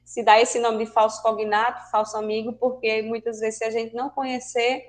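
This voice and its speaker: In this online class, a Brazilian-accented Spanish teacher speaks a little high with little pitch movement and a moderate pace. She explains the lesson patiently, asking her students questions along the way.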